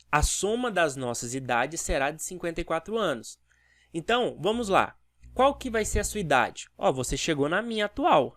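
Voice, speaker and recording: Fairly high-voiced math teacher. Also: male voice, fairly bright tone, dry recording, studio quality. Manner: explains step by step, with rhetorical questions to the viewer. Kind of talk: video math lesson.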